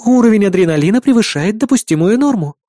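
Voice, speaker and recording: A man voicing a calm female AI assistant that gives flat, announcing system reports in an audiobook. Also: sits high, normal speed, dry recording, clean studio sound, pitched above the performer's own voice, natural voice. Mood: clinical.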